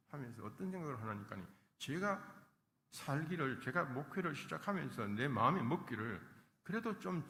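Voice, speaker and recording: A man's voice: mid-range voice, a bit bright. A male pastor preaching a sermon with emphasis, acting out the lines he quotes. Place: church sanctuary. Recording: echoey church hall.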